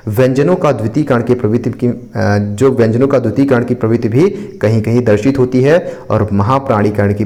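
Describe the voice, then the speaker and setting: Mellow-voiced Indian man teaching. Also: mid-range voice. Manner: explanatory, repeats points with frequent "ठीक है". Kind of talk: explaining an exam answer copy.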